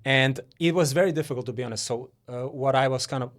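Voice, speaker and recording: Man, from Croatia, interview guest, mid-pitched voice, chatty, restarts often. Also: fast. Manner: chatty, many fillers and restarts. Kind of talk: casual interview talk.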